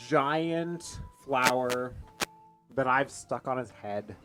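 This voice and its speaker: A man playing in a tabletop game, describing scenes in an animated, casual way, with frequent casual swearing. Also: medium pitch, takes it slowly, over music. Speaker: player.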